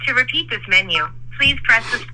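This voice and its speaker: Bright recorded phone menu voice. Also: medium pitch, lively intonation, a little fast, rough recording. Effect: recorded automated phone menu. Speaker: automated phone system greeting. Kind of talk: scripted menu prompts.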